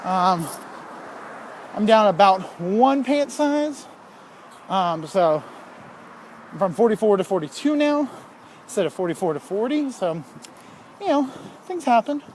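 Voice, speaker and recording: High-voiced man vlogging on a walk. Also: very animated, unhurried, pauses often, a little hiss or hum. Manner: rambling, candid, with many fillers. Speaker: fitness vlogger. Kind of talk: casual talk while walking. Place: outdoors on a walk.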